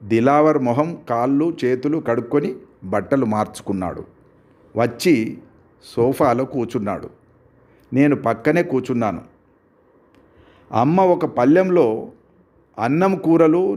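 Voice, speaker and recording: Audiobook narrator: man, mid-pitched, unhurried, measured first-person storytelling. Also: darkish tone. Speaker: audiobook reader.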